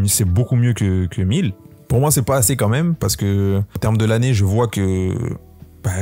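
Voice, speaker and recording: A man's voice: lowish voice, warm tone. A man, talking casually to camera about his channel, rambling with lots of fillers and restarts. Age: 20s. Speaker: YouTuber hosting his own podcast. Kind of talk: casual solo talk to camera.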